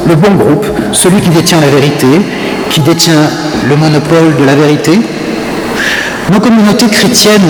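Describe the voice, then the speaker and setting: A man preaching a sermon in a large church, declamatory and full of rhetorical questions, his voice distorted by a clipping microphone. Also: a little high. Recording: distorted clipping mic, echoey church hall, noise.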